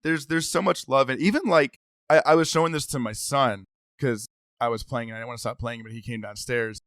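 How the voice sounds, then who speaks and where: A man co-hosting a podcast, chatting casually and eagerly about a game, with quick restarts and frequent laughs. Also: medium pitch, a bit bright, no echo. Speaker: podcast co-host. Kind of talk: casual gaming chat.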